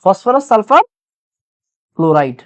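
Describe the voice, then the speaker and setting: Talking loudly has left this young man with a sore throat as he teaches chemistry online. His voice is high and sing-song, moving at a moderate pace while he goes over every point twice and tests his students with questions.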